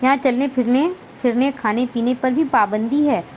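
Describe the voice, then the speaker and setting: This is a spoiled young bride, as a woman narrator puts her on in a spoken storybook. She complains in a whiny, pleading way, her voice sitting high. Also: normal speed, darkish tone, a little hiss or hum, natural voice. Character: spoiled young bride who sulks and cries.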